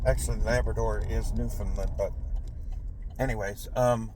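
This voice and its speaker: A man's voice: lowish voice, fairly even intonation, normal speed, a little mellow, a little hiss or hum, low-quality recording. A man giving a rambling political monologue, often stopping to correct himself. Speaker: political commentator.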